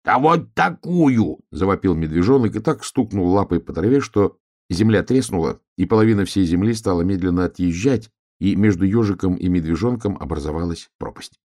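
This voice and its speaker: A man narrating a children's storybook with expressive, lively storytelling. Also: sits low, fairly quick. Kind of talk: storybook reading.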